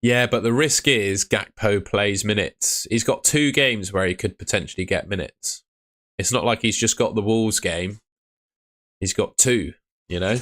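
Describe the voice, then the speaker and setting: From his bedroom, a young fantasy football streamer with a failing voice handles viewer questions in a blunt, talkative style. He speaks at a measured pace, with a fairly low, fairly bright voice.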